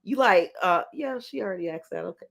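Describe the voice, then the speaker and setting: A woman's voice: medium pitch, lively intonation, fairly quick, creaky, fairly bright tone. A woman chatting casually and informally on a dating show, with short interjections. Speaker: dating show contestant choosing a partner. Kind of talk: casual chat.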